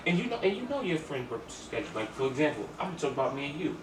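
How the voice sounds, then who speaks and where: This podcast co-host has a high-ish voice with big pitch swings and a rapid-fire delivery. He tells stories and chats casually, emphatic and slangy, often repeating himself, and he's recorded from a distant mic in a roomy, echoey space with clear noise.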